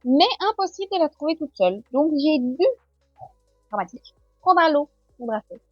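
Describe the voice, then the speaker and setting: A woman's voice: high-pitched, sing-song, normal speed, no echo, lo-fi sound, faint music behind. A woman with a French accent in a casual home vlog, chatting as she unboxes gifts. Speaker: vlogger.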